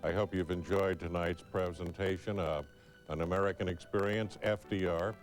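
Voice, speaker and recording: A man hosting a public television pledge drive, making an earnest, measured appeal in formal phrasing. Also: deep voice, fairly even intonation, faint music behind.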